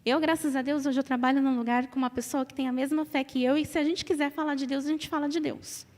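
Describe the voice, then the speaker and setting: A woman's voice: sits high, steady tone, fast talker, a little mellow. A Brazilian woman in her thirties preaching an emphatic church sermon, repeating phrases and calling on the congregation to answer. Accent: Brazilian Portuguese. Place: church hall. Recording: reverberant church hall.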